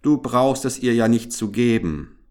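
A man's voice: mid-range voice, lively intonation, measured pace, darkish tone, pitched above the performer's own voice, natural voice. A man voicing a kind, courteous young knight speaking graciously to a maid in a fairy tale reading.

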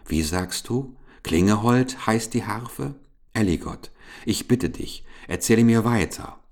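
Ein Mann liest einen neugierigen, gütigen König. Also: male voice, deep voice, unhurried. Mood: eager. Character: kindly, curious traveling king. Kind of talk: storybook reading.

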